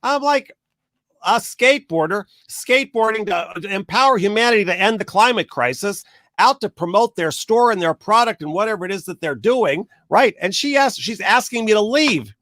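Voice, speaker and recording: High-voiced man ranting, dry sound. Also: moderate pace, no room sound. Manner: animated storyteller, acts out quoted people, rants. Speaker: vlogger telling a story. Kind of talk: casual rant to camera.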